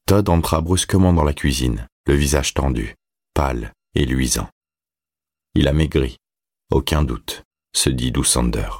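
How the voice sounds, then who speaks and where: Un homme qui lit un roman en livre audio, d'un ton posé et régulier. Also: male voice, rumbling low, creaky, slightly rough, no room sound, clean studio sound. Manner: steady, measured storytelling. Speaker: narrator. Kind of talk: audiobook reading.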